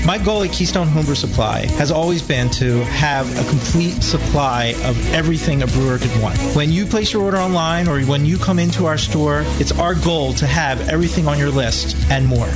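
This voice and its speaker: A man's voice: a little high, rough recording. A man who owns a shop, reading an upbeat sponsor ad. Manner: upbeat salesy read. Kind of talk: read sponsor ad. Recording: music bed under voice.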